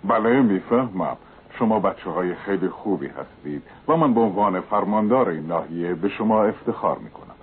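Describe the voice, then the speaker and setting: An actor dubbing a formal, stiff middle-aged governor in a cartoon, indignant when crossed. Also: male voice, low voice, expressive, slight background noise. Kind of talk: dubbed cartoon voice acting. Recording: tinny lo-fi phone-like sound.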